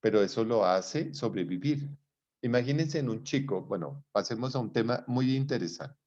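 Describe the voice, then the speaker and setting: Heard on a dull, lo-fi recording, a male psychology lecturer talks to his live class at a moderate pace. His medium-pitched voice is animated and a little mellow, and his conversational style relies on rhetorical questions to test understanding.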